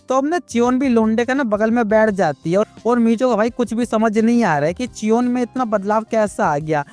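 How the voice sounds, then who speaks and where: High-voiced man with crude, slangy narration. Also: darkish tone. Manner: casual, crude street slang, constant "bhai" asides. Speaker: manga recap narrator. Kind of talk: comic slangy story recap.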